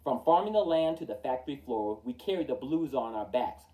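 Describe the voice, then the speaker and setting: Reading a rhyming children's picture book, this man uses a medium-pitched, mellow voice and a highly theatrical, measured style. Phrases open emphatically and drop off at the ends. He seems a bit far from the microphone, and there's a little hiss or hum.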